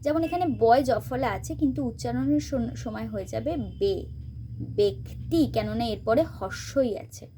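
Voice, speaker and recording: On her own channel, a woman teaches a spoken grammar lesson, explaining step by step and slowly repeating example words. Her pitch is fairly high, and there's noise in the background.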